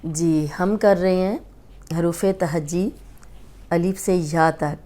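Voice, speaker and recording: A woman teaching Quran letter pronunciation with a Pakistani Urdu accent, speaking slowly and patiently as she draws out each sound. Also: lowish voice, fairly even intonation, warm tone. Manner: patient, drawn-out letter recitation and explanation. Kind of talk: slow instructive lesson.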